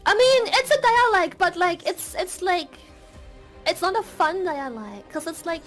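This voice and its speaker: Giggly woman, German native, high voice. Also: expressive, a little slow, a bit bright, faint music behind. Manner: giggly, rambling with many fillers. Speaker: streamer. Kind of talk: casual gaming stream chat.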